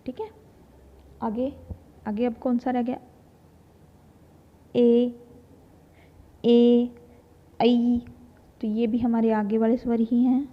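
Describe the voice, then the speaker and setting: A woman teaching a Hindi grammar lesson, slowly sounding out vowels and talking to her students as children. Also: a little high, level tone. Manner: slow, drawn-out demonstration of vowel sounds, addresses students as children. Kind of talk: classroom lesson. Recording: dull lo-fi recording.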